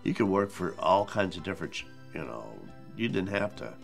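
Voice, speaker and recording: A man in his seventies with a very low, gravelly voice recounts his working years plainly, sometimes speeding up to make a point. Soft music plays faintly behind him. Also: big pitch swings, brisk. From Ohio. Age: 70s. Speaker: interviewee. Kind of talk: documentary interview storytelling.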